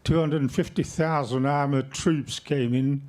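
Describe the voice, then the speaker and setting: Slow, mellow-voiced Hungarian-born man in his 80s. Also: medium pitch, fairly even intonation. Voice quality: slow, measured, deliberate delivery. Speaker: audience member speaking. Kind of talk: unprepared speech at an event.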